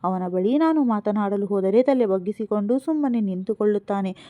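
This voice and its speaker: A woman reading the lines of a calm, gently teasing older father-in-law. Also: medium pitch, normal speed, no echo, natural voice. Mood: reasoning. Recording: phone-like narrow sound.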